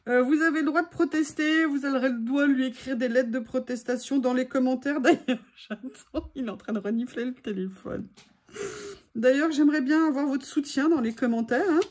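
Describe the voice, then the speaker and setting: High-pitched woman craft vlogger, chatty and playful, at home. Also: fairly quick. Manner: chatty and playful, teasing asides to her dog. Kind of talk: casual chat while making a collage.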